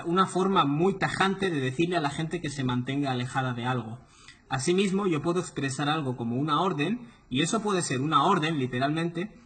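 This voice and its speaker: A man's voice: on the high side, fairly bright tone, a little hiss or hum. A man giving a religious lecture, explaining points patiently and often checking in with his listeners. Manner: didactic, often asks "¿vale?". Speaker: Islamic lecturer. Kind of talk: explanatory talk.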